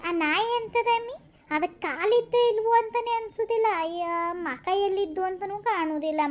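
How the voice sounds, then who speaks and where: Very high-pitched woman doing village gossip. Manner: quarrelsome, gossipy village chatter with shouted insults. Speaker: comedy skit performer. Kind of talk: village gossip comedy skit, voicing several women.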